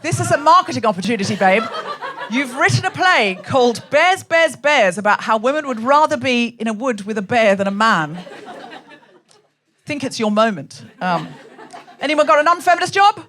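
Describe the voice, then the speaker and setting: A woman's voice: on the high side, animated, moderate pace, a bit bright. A woman hosting a live comedy show, bantering with the audience in a teasing way. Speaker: podcast host, comedian.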